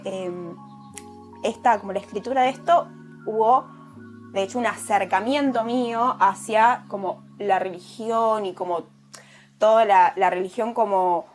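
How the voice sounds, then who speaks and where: A young woman with an Argentine accent, speaking as a guest poet in a relaxed conversation and pausing often to find her words. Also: a little high, soft background music. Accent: Argentine Spanish. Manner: thoughtful, hesitant, many fillers. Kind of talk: casual conversation.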